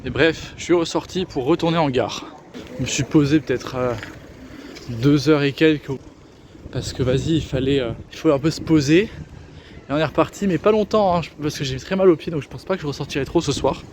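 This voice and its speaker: A male travel vlogger talks into a handheld camera as he walks through a city and shows a hostel room. He is chatty and enthusiastic, stacking up fillers, and sounds worn out from a long day on his feet. Street and city noise stays clearly audible behind him. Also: on the high side, fairly quick. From France. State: tired, sore feet. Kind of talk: casual travel vlog. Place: outdoors in a city and indoors in a hostel.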